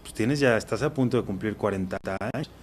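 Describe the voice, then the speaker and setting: A man's voice: on the low side, a little fast, slight background noise, natural voice. A man quoting a disappointed little boy. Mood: earnest. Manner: lightly voiced quotes in a retold story. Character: disappointed eight-year-old boy.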